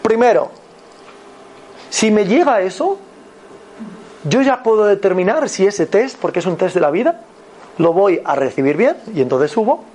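A man with an accent from Spain giving a motivational talk as a personal growth mentor, animated and repetitive, often checking in with his listeners. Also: high-pitched, moderate pace, long pauses. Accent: Spain Spanish.

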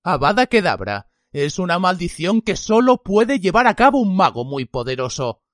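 A man's voice: high voice, fairly bright tone, no echo, studio quality. A man playing a stern, growling old wizard teacher in an audiobook. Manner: growling, emphatic lecturing. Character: grizzled gruff old male wizard teacher, stern and watchful. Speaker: voice actor in an audiobook.

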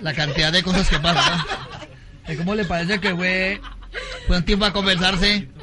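A Colombian man telling jokes in rapid-fire punchlines and laughing through them. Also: high-pitched, steady tone, a crowd in the background. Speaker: comedian. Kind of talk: stand-up joke telling.

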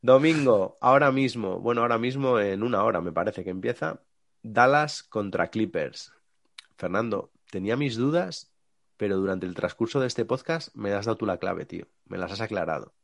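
A man with a Spain Spanish accent, co-hosting a casual sports podcast, lively and teasing, his voice rough today. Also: fairly low pitch, moderate pace, no echo, studio quality. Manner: lively, teasing, rattles off predictions. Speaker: podcast co-host.

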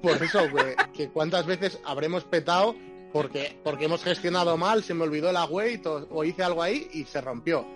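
A man with a slightly high voice gives his opinions on programming in a chatty, playful way. Faint music plays underneath. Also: moderate pace. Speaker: podcast co-host. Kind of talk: casual tech chat.

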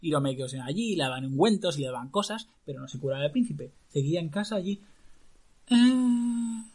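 A man telling a folk tale aloud to a listener in a lively, earthy, colloquial way. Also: on the high side, rapid-fire, husky. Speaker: storyteller.

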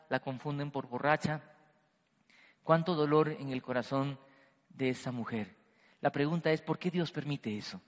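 A man preaching a sermon to a congregation, swinging between loud emphasis and quiet, hushed lines. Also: on the high side. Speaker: pastor. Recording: long hall reverb.

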